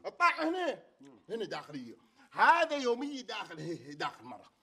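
An actor playing a loud, touchy man who bickers and takes offence easily, in a TV comedy sketch. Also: high voice, huge pitch swings, fairly quick, creaky, full character voice. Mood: explaining. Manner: indignant, bickering, laughing at others.

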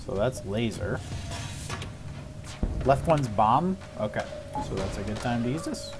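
Male streamer, young adult, mid-pitched with animated intonation, casual muttered gameplay commentary, foul-mouthed. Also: a little slow. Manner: muttering to himself, sweary. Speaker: video game streamer. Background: video game music.

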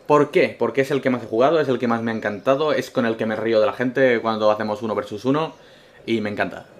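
A man's voice: medium pitch, quick pace. A man from Spain, a gaming YouTuber, answering viewer questions in a casual vlog with absurd jokes and a Spanish accent. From Castellón, Spain. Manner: joking, absurd humor, swings between loud bursts and mumbled asides.

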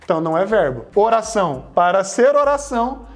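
A man's voice: high voice, big pitch swings, a little fast. A male Portuguese teacher with a Brazilian accent giving a playful online grammar lesson, acting out student questions and talking straight to viewers.

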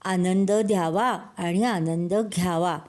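An older woman, a storyteller grandmother, telling a children's story in a slow, gentle way and speaking straight to the kids. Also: lowish voice, steady tone.

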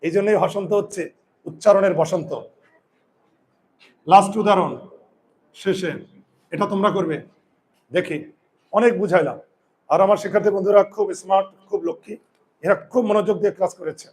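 A man's voice: high voice, steady tone, a little fast, long pauses, a little mellow. A man teaching pronunciation, explaining step by step and often asking his students questions. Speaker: Bengali grammar teacher. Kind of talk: whiteboard pronunciation lesson.

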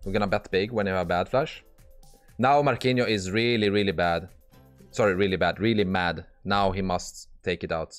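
A man's voice: low-pitched, fairly even intonation, normal speed, soft background music. A man commentating live as he plays online poker, blunt and exasperated, swearing and restarting his sentences often. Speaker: poker streamer.

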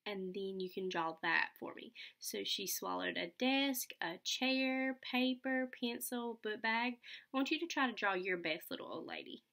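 Animated and at a measured pace, a young adult woman reads a picture book aloud to children in a mid-range voice that's gravelly, bright and forceful. She gives simple explanations and poses questions to her listeners. A computer webcam roughly arm's length away records her in a small furnished home room.

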